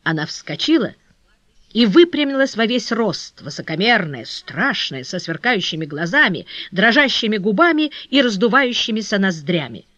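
An audiobook narrator giving an expressive, dramatic reading of a classic novel. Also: medium pitch, moderate pace, dry recording, lo-fi sound.

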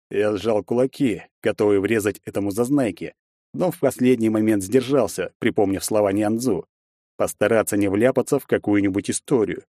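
A man's voice: fairly low pitch, warm tone, no echo, studio quality. A man reading a novel aloud as the first-person narrator, with a wry, ironic inner voice. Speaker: audiobook narrator.

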